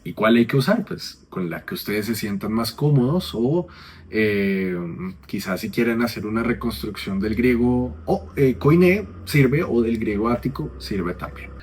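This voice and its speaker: A man's voice: mid-range voice, lively intonation, measured pace, darkish tone, slight background noise. A man teaching with conversational check-ins. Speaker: Ancient Greek teacher. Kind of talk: relaxed classroom explanation.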